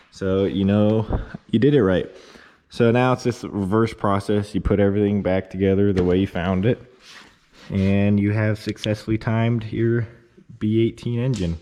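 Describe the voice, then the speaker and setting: A man with a fairly low-pitched voice casually guides viewers through timing a car engine, one step at a time, as he works on it in a garage. As a car repair vlogger making a how-to tutorial, he explains in a relaxed tone and addresses viewers directly. A little hiss or hum runs under the audio.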